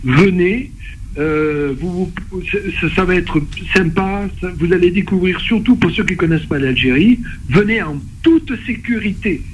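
An eager man from the south of France pitches his event as a radio guest. His voice sits a little high for a man, with halting restarts, over a faint hiss. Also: lively intonation. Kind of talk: radio interview.

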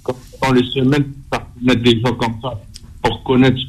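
A man from Algeria calling in to a radio show, talking in a jokey, excitable way with loose grammar. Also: medium pitch, moderate pace, poor audio. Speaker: caller. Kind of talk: call-in chat.

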